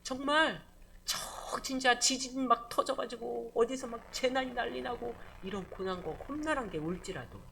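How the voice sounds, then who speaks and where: A woman pastor preaching a midweek church sermon, lively and conversational, calling out for amens and acting out voices. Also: fairly high pitch, normal speed, creaky, slight background noise. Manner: animated preaching, calls for amen, acts out scolding voices.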